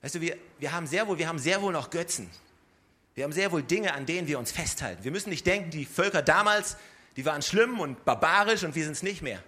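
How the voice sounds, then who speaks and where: A man delivers a sermon in a relaxed, conversational tone. His voice sits a little high and sounds bright and forward. He keeps turning to the listeners with direct rhetorical questions. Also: fast. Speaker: pastor.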